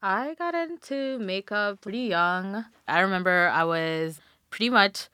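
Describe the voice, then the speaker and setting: A woman's voice: mid-range voice, lively intonation, a little slow, bright, forceful tone, clear, resonant tone, no room sound, clean studio sound. A young adult woman chatting casually as a podcast guest. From Nairobi, Kenya. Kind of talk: casual chat.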